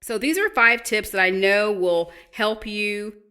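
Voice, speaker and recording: Her mid-range voice is a little slow, with a sharp yet clear, resonant tone. A middle-aged woman and teacher, she gives parents an instructional talk on spelling, patient and encouraging as she spells words out letter by letter.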